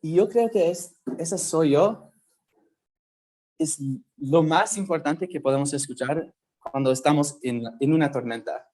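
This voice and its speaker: A man giving a casual Bible lesson, talking slowly and conversationally and checking in with his listeners often. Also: on the high side, a little mellow. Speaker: youth Bible teacher.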